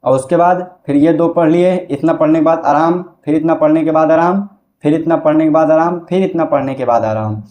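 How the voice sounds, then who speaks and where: Guy teaching how to chant verses, mellow higher voice, echoey room. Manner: explains plainly, then chants verses slowly and melodically. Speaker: devotional teacher. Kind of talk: casual tutorial with chanted verse.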